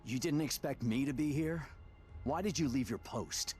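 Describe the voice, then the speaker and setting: A man's voice: mid-range voice, moderate pace, darkish tone, lightly acted. Stern cop boss guy in a game, actor voicing him, dry, bossy, music going behind him. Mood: stern, cold. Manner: commanding, dry sarcasm. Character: stern, dry, authoritative male police lieutenant. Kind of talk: video game voice acting.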